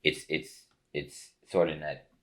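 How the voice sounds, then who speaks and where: A man in a casual motivational chat, agreeable and quick to affirm the others. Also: extremely low pitch, little pitch movement, fairly bright tone. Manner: agreeable, frequent backchannel affirmations.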